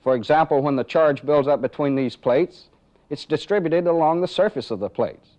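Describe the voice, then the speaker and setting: Speaking at normal speed, a man with a slightly high, somewhat mellow voice narrates a training film. He methodically explains a live demonstration step by step and poses rhetorical questions. The audio is dull and band-limited, in the style of 1980s training footage.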